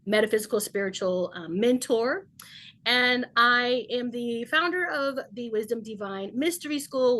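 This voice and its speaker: A woman hosting an online healing event over a video call, speaking earnestly with many ums. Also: medium pitch. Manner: warm-paced, filler-heavy, earnest. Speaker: host, shamanic healer.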